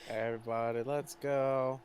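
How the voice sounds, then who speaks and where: A man's voice: medium pitch, little pitch movement, unhurried, a little mellow, a little hiss or hum. A man co-commentating a game casually, mostly with short, laid-back replies. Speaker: guest co-commentator.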